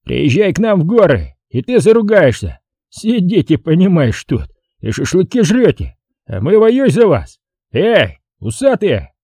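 A rowdy, drunken army officer who swaggers and goads everyone around him, as a male reader puts him on. The voice sits well above the reader's own, gravelly and husky, with wild swings in pitch. It is told as a storybook scene. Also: big pitch swings, unhurried, mellow, dry recording, studio quality, exaggerated voice. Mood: taunting. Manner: boisterous drunken bluster. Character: drunk brawling army lieutenant colonel, loud and cocky.

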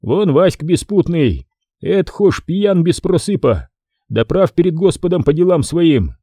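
Peasant: man reading a fearful, churchy villager, raised voice, lively lilt. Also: a little high, measured pace, dry recording, studio quality, pitched above the performer's own voice, exaggerated voice. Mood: coaxing. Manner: pleading, folksy. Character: timid, pious middle-aged peasant man.

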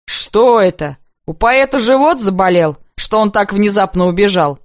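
A woman's voice: medium pitch, normal speed, dry recording, clean studio sound, close to an everyday voice. A woman voicing a jovial young man who speaks in a teasing, wry way. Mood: mocking.

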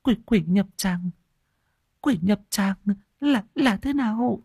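Brief: a man playing a panicked, stammering old grandmother, high and husky, near tears. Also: lively intonation, moderate pace, dry recording, clean studio sound. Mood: terrified. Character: frightened stammering old village woman.

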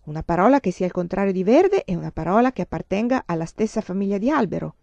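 Woman reads a patient young woman, gentle and explanatory, warm low voice, dull recording. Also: big pitch swings, quick pace, vocal fry, no echo. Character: patient young woman teaching a word game.

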